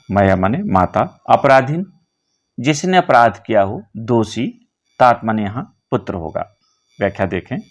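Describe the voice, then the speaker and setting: A man teaching a poem line by line, slowly glossing word meanings one by one. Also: lowish voice. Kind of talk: line-by-line poem explanation lesson.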